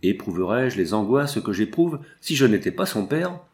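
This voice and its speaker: A man's voice: on the low side, big pitch swings, moderate pace, darkish tone. A man reading the part of an elderly monk who pleads passionately for his son's life. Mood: pleading. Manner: impassioned, pleading. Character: old monk and father pleading for his son. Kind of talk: audiobook character reading.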